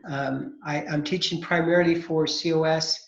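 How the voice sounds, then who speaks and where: A gravelly, fairly high-pitched man in his forties from California, USA, who teaches college accounting, chats his way through a casual class introduction at a moderate pace, using lots of fillers. He's on a video call using his computer's mic, and the audio is dull and echoey.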